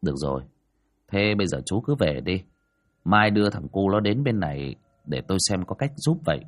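A man's voice: low-pitched, lively intonation, brisk. A man voicing a brusque, commanding male spirit master who gives blunt orders. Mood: firm. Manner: blunt, matter-of-fact orders.

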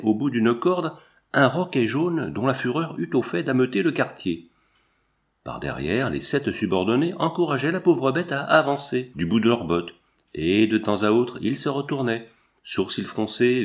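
A man narrating a novel in a measured storytelling manner. His voice sits at an ordinary, middle pitch. This is audiobook reading. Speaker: audiobook reader. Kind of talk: scripted narration.

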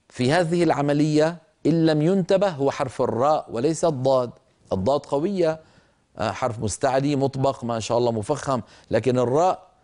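An older man teaching Quran recitation, patiently explaining and slowly stretching out words to show how they are pronounced. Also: medium pitch, warm tone. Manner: stretches and repeats words slowly to demonstrate pronunciation; explains patiently, addresses listeners directly.

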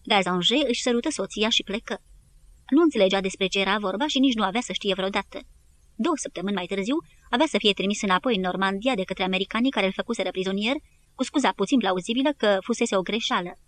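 A woman narrating a war history audiobook in an even, measured reading. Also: medium pitch, a little hiss or hum. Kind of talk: scripted narration.

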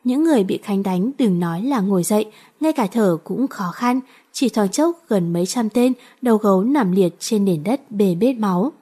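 A woman narrating a romance novel in a steady, even storytelling manner. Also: medium pitch, moderate pace, husky. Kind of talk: audiobook reading of a romance novel.

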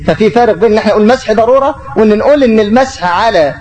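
Brief: middle-aged Egyptian man teaching religion, fast, raised pitch, answers questions with his own rhetorical questions. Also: darkish tone, poor audio. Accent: Egyptian Arabic. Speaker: Islamic teacher.

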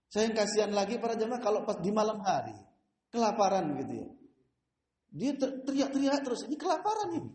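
A man giving a lively mosque study lecture, telling stories and mimicking voices with frequent laughter. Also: high-pitched, roomy sound. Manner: animated storytelling, laughs often, mimics voices. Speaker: Islamic preacher.

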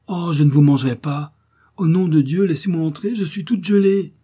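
A man's voice: a little high, moderate pace, mellow, breathy edge, voice pushed up. A man voicing a charming young woman who pleads and teases playfully. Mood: coaxing. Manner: coaxing, pleading, teasing.

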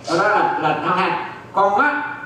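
A man's voice: high-pitched, big pitch swings, measured pace, sharp tone, slight background noise. A man teaching Buddhist doctrine as a monk, repeating phrases and often checking that his listeners follow. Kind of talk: dharma lecture. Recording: very echoey hall, distant mic.

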